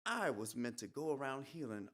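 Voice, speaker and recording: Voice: medium pitch, very animated, moderate pace, fairly bright tone. A performer playing a young male soldier who has come back from death, telling his tale in a folksy rural dialect as a dramatic monologue. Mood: eerie folksy. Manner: folksy storytelling with rural dialect, whispered hisses. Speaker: stage performer. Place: live event at an art museum.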